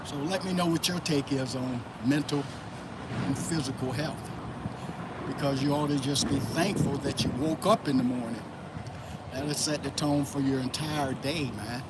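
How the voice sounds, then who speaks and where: Speaking at a normal speed in a steady, medium-pitched tone, a man from Florida runs a casual motivational livestream outdoors. He greets viewers in chat by name while heavy traffic noise fills the background.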